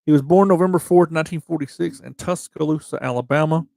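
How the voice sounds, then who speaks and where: The recording is dry as this man, a livestream host, haltingly reads memorial entries on a casual stream. His speech is a bit slurred, he frequently restarts words, and he takes the dates slowly. His voice is a little high and creaky, with a darkish tone.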